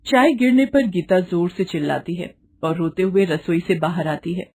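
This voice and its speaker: A woman reading a dramatic family story aloud in an even storytelling voice. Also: on the low side, normal speed, breathy edge. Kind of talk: scripted storybook narration.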